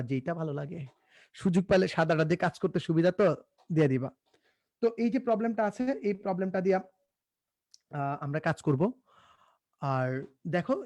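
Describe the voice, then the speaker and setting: Young guy teaching a live class, kinda high voice, super dry close sound, jokes around, repeats stuff. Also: a little mellow, no echo. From Bangladesh. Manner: casual, joking, repeats himself, coaxes students to answer.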